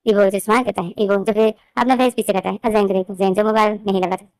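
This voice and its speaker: A woman's voice: medium pitch, flat delivery, quick pace, darkish tone, no echo. A woman casually narrating her own fan fiction story in a repetitive, conversational way.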